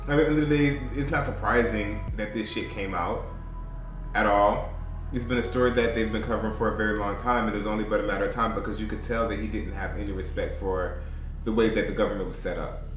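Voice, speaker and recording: A man co-hosting a casual podcast, giving opinions in a measured way. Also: lowish voice, steady tone, a bit bright, faint music behind. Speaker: podcast co-host. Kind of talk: casual chat. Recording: roomy echo, distant mic.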